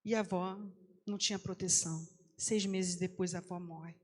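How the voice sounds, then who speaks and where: A woman's voice: on the low side, fairly even intonation, moderate pace, darkish tone. A woman pastor telling a testimony in a sermon, acting out the voices in the quoted lines. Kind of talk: sermon storytelling. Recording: long hall reverb.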